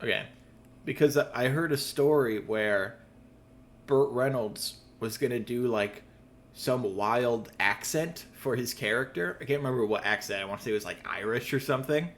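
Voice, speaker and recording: A man's voice: mid-range voice, normal speed. A man co-hosting a casual podcast, telling stories with frequent laughs and casual swearing. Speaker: podcast co-host. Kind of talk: casual chat.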